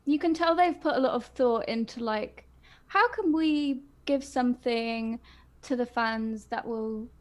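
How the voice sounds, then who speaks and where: A woman with a slightly high voice keeps a measured pace while co-hosting a casual fan podcast. Enthusiastic and gushing, she leans heavily on fillers.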